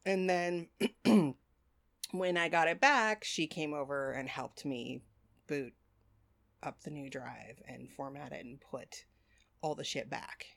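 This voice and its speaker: Female podcast co-host, 40s, slightly low voice, loose rambling chat, swears often. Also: slow pace, vocal fry. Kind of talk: casual chat.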